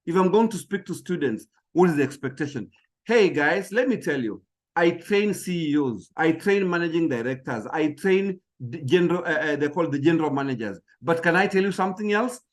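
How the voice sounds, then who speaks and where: High-voiced man giving an emphatic speaking talk. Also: animated, fairly quick. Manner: emphatic and repetitive, often stammering on words. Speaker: public speaking trainer. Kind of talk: motivational talk.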